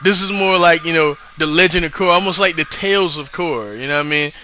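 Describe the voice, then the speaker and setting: Bright-voiced man rambling through a recap. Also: fairly high pitch, fast talker, slight background noise. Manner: rambling, keeps saying "you know what I mean"; profane, slangy. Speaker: show reviewer.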